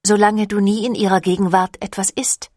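A woman voicing a seductive, ancient female vampire clan leader in an audiobook, with a silky, teasing manner that drops into breathy whispers. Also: mid-range voice, flat delivery, moderate pace, darkish tone, no room sound, studio quality, lightly acted. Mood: coaxing. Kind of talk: audiobook reading.

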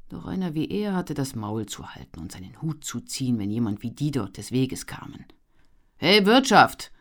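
A narrator reading a historical novel aloud in measured, expressive audiobook narration. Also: mid-range voice.

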